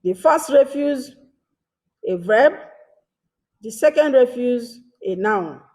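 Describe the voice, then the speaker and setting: Slow, deliberate woman teaching. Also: a little high, animated, darkish tone. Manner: reads each example sentence twice, pausing between short phrases. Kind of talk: slow deliberate grammar lesson.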